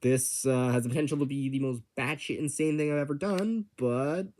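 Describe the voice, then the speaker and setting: A young channel host speaks fairly quickly in a slightly mellow mid-range voice while casually laying out the rules for a creature-design contest. He is impulsive and excited, often stammering and restarting amid many fillers.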